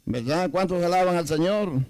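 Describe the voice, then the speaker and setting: A man's voice: high voice, normal speed, darkish tone, low-quality recording. A man preaching a sermon to a congregation with a Salvadoran Spanish accent, asking many rhetorical questions. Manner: rhetorical questions to the congregation, repeats "amados hermanos".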